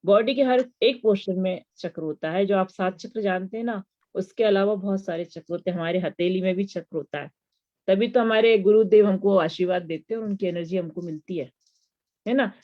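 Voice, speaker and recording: A woman's voice: medium pitch, a little fast, dull audio. A woman giving a devotional lesson on mantras, explaining patiently and asking rhetorical questions. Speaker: religious teacher.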